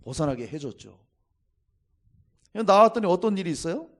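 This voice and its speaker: A man's voice: high-pitched, very animated, normal speed. A man preaching a Sunday sermon as pastor, emphatic and exhorting his congregation again and again.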